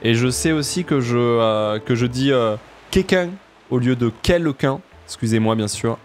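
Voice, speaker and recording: A man with a southern French accent, chatting casually and jokily while playing a game, often jumping up in pitch for emphasis. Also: fairly even intonation, normal speed, faint music behind. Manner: chatty, jokey, jumps to high pitch for emphasis. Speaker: let's play streamer. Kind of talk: casual gameplay commentary.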